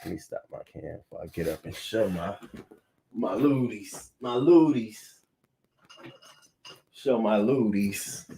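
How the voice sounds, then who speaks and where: A man in his thirties hosting a livestream morning show, chatting loosely with profanity and sudden loud bursts into a webcam mic. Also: fairly low pitch, slight background noise. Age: 30s. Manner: loose, profane and animated, often bursting louder. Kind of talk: casual livestream chat.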